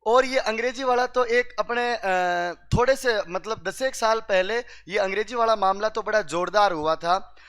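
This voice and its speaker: Man, high-pitched, clear smooth voice, comic classroom storytelling, quizzes the listeners. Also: moderate pace, a bit bright. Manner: asks the class questions and repeats punchlines. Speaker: teacher telling jokes to students.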